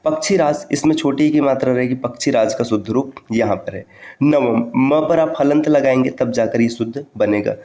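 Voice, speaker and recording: A male teacher walks through correct spellings one word at a time, repeating each form patiently. His voice sits at an ordinary middle pitch. The room around him rings with a noticeable echo. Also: normal speed, dark tone. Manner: addresses students directly to remember points. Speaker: Hindi teacher. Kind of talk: exam-prep spelling lesson.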